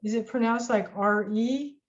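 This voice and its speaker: A woman's voice: a little high, moderate pace. A woman student in an online language lesson, trying words out hesitantly and asking questions. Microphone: video call. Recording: muffled, echoey video call audio.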